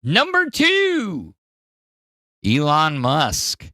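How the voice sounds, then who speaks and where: A man hosting a podcast in casual, profane commentary, animated and jumping between loud outbursts and mumbles. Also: a little high, drawn-out words, no echo. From Wisconsin. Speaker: podcast host. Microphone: studio mic in front of green screen.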